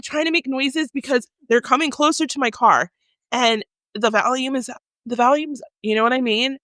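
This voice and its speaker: This podcast co-host, a woman in her forties, sits in a small studio and spins stories in casual conversation, playing out scenes and exclaiming loudly. Her pitch is fairly high, and there's no echo.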